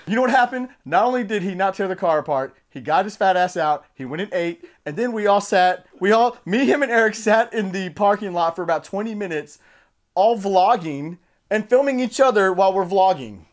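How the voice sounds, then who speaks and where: A man casually retelling a road-trip story, animated and profane, often laughing. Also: high-pitched, a little fast. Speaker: show regular.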